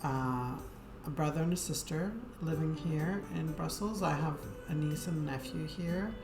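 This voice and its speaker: A woman game streamer chats with her audience at a normal pace in a low-pitched voice. She rambles and hesitates, leaning on fillers. The recording has room echo and game music.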